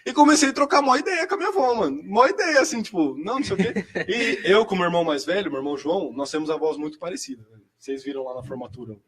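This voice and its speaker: A man's voice: high-pitched, slightly rough. A young man, telling his personal testimony in a chatty, slangy way as a seminarian guest. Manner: chatty, slangy storyteller, quick and lively. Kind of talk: personal testimony in casual chat.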